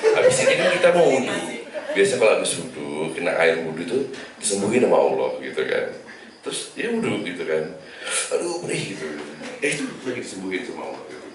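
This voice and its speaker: Lively low-voiced man in echoey room. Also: fast talker. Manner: animated, laughing, mimicking kids. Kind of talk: casual talk show chat. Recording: very echoey room, distant mic, noise.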